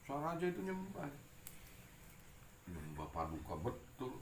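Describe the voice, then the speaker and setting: A man preaches by telling a humorous story, joking as he goes. His voice is gravelly and swings widely in pitch. The recording is echoey, with faint noise behind it. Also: measured pace. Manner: animated and joking, mixing in local slang.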